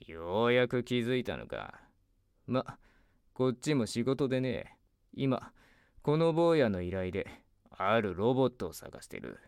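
A man's voice: mid-range voice, big pitch swings, a little slow, creaky, darkish tone, clean tone, no echo, studio quality. A man playing a laid-back, wry private detective in an audio drama, talking in a cool, casual noir manner. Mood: cool, bargaining.

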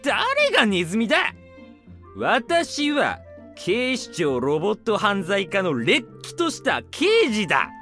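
A woman playing a pompous, gruff, quick-tempered male mouse police inspector in an audio drama, imperious and blustering. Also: medium pitch, wildly swooping pitch, fairly bright tone, faint music behind, exaggerated voice. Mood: indignant, blustering.

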